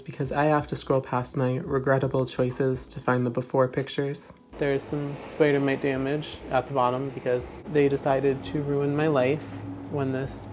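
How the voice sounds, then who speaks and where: A man's voice: mid-range voice, a little mellow. A man in his twenties narrating a casual home plant tour with wry, playfully dramatic asides, talking over passing trucks. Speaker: houseplant vlogger. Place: indoors at home by an open window. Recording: background noise from passing trucks. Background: passing truck traffic noise.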